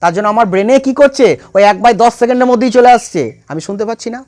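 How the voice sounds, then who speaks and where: A man's voice: very high-pitched, racing, darkish tone. A man teaching a science class, repeating key points and quizzing his students. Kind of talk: classroom lecture.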